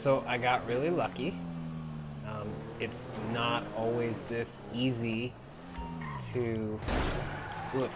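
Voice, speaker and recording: A man's voice: mid-range voice, fairly even intonation, takes it slowly, long pauses. Slangy gamer guy, noisy background. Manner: slangy, profane, rambling. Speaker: gaming commentator. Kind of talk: casual let's play commentary. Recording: clearly noisy, game engine sounds behind.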